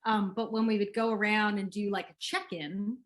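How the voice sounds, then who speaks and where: A middle-aged woman, a parenting expert being interviewed, speaks in a gentle, soothing and unhurried way. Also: medium pitch, fairly even intonation. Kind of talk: interview conversation.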